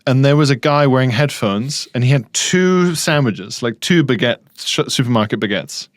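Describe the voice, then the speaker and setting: A man's voice: medium pitch, normal speed, no room sound, studio quality. A man co-hosting a comedy podcast, telling exaggerated anecdotes in casual chat. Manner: animated, exaggerated storytelling. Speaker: podcast co-host.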